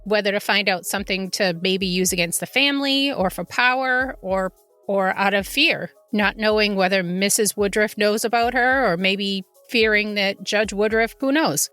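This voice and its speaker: Woman podcaster telling spooky history casually, bright clear-cut voice, faint music under it. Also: medium pitch, normal speed, no echo. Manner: casual, informal asides. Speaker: podcast host. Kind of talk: semi-scripted true haunting storytelling, conversational.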